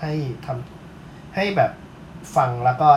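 A man co-hosting a casual podcast, reviewing a show in an easygoing, fond way. His mid-pitched voice carries a clear room echo with faint noise underneath. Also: takes it slowly. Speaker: podcast co-host. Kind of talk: casual chat about concerts.

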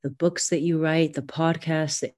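A woman's voice: deep voice, steady tone, moderate pace, darkish tone. A woman, talking casually as a guest in an interview. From California, United States. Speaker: podcast guest, author.

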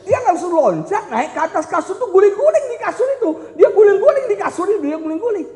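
A high-voiced man preaching with a lively, swooping delivery. He jokes with the congregation and acts out quotes, and his voice rings through a long echoey hall. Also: fast talker. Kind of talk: lively sermon. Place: church retreat hall.

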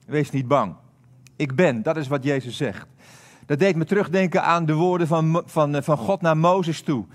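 Male pastor, earnest sermon, slightly high voice, halting delivery. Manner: earnest, hesitant with many fillers.

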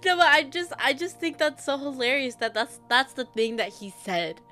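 A woman's voice: high-pitched, expressive, normal speed, pushed and bright, soft background music. A young woman in casual chat about games, giggly and loose, swearing now and then.

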